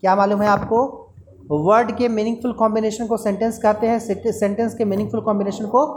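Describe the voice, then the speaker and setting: A woman's voice: mid-range voice, little pitch movement, fast talker, a little mellow, slight background noise. A woman teaching a lesson in Hindi with terms, explaining step by step and repeating key terms. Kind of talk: classroom lecture.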